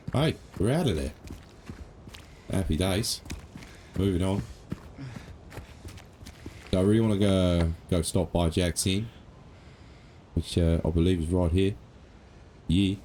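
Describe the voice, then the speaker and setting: A man with a low voice gives loose, chatty commentary while playing a horror game. He jokes and swears now and then in a casual streamer's way. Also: darkish tone, a little hiss or hum.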